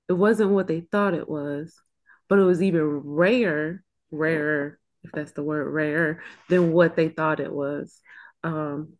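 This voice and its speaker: A woman's voice: low voice, darkish tone. Woman giving a hesitant church testimony. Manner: hesitant, many fillers, heartfelt.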